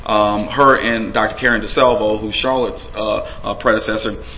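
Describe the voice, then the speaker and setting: A man, speaking earnestly to a conference audience and pausing on frequent "uh"s and "um"s. His voice sits fairly low. The recording is dull with a faint hiss behind it. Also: fairly even intonation. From New Orleans, USA. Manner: frequent fillers, earnest, conversational. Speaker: city official giving a presentation. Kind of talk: conference presentation.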